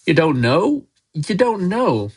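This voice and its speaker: A man reading aloud, voicing a big, gruff but kindly giant groundskeeper who talks in loud, folksy outbursts. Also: medium pitch, very animated, normal speed. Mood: gruff, exasperated.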